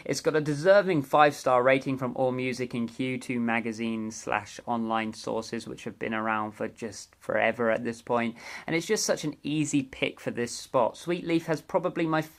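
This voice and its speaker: A young man giving a casual, enthusiastic ranked album review, chatty and quick to correct himself mid-sentence. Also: medium pitch, a bit bright. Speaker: music reviewer.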